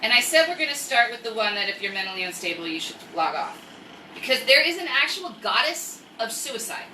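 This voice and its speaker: Very animated and brisk, her slightly high voice pushed and bright, the host of a chatty livestream story time rambles, jokes and reads aloud. She's an American native English speaker. Expect roomy echo, distant miking and faint noise.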